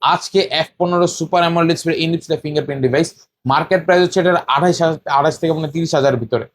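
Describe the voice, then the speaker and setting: Rapid-fire Bangladeshi phone seller man. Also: fairly high pitch, slight background noise. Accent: Bangladeshi Bengali. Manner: rattles off specs and offer prices, haggling. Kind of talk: rapid sales pitch. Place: mobile phone shop.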